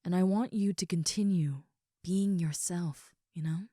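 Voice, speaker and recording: In an intimate comfort roleplay, a woman voices a caring, affectionate young ogre roommate, speaking softly, sincerely and tenderly in a rambling, reassuring manner. Her voice is on the low side and unhurried, recorded dry with clean studio sound.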